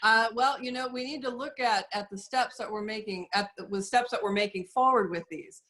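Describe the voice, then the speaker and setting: A woman speaking as an interview guest, explaining carefully and earnestly, with frequent pauses and fillers. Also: fairly high pitch, fairly bright tone. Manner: measured, earnest, many fillers. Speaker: guest, soap company representative. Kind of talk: casual interview talk.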